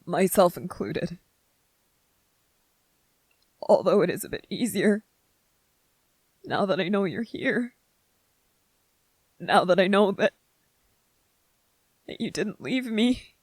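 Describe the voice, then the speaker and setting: A performer plays a gentle young soldier in an intimate ASMR roleplay, speaking very slowly in a soft-edged, husky, medium-pitched voice that stays expressive. He comes across as vulnerable, devoted, tender and earnest, halting hesitantly between phrases in a gently reassuring way, and the recording is dry.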